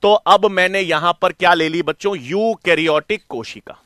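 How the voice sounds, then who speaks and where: With a high voice and fairly bright tone, a middle-aged biology teacher speaks at a moderate pace during an online class. He gently urges his students, addressing them as "beta" and "bachche," then asks and answers questions himself, all in dry, studio-quality sound.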